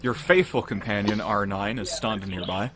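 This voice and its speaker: Low-voiced man narrating as game master. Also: moderate pace. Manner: calm descriptive narration. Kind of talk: narrating a tabletop game over voice chat.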